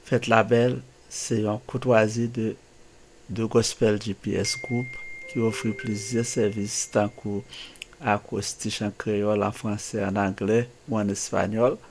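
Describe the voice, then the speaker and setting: A man's voice: on the low side, flat delivery, unhurried. A man with a Haitian accent, hosting a daily reflection on the saints and urging listeners on with proverbs and Bible verses. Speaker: host of a daily saints channel. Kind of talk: spoken religious reflection.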